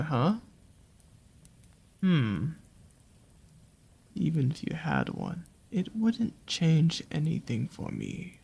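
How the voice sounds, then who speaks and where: In this intimate audio roleplay, an actor plays a dark-forest naga whose seductive voice is husky, breathy and mid-range, exaggerated and very slow. Teasing and possessive, she coaxes the listener with drawn-out phrasing that swoops and curls with playful menace.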